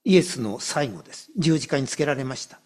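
This male pastor reads scripture aloud during his sermon, driving home key phrases by repeating them and slowing down to give them weight. His voice is medium-pitched and a little mellow, with lively intonation.

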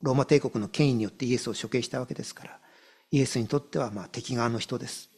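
A man preaching a sermon as a pastor, reading scripture aloud and stressing key phrases by repeating them and slowing down for weight. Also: medium pitch, a little mellow, slightly rough.

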